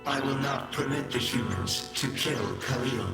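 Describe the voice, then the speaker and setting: Distorted game robot, dutiful male defense machine, flat and clipped, echoey over loud music. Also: mid-range voice, a little slow. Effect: fuzz distortion on the voice. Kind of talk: video game voice acting.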